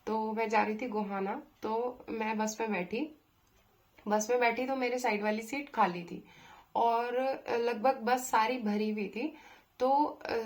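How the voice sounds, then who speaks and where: A young woman, telling a personal story in a chatty way, with pauses and fillers. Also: a little high. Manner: chatty, with many pauses and fillers, acting out her own angry replies. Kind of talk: casual storytelling.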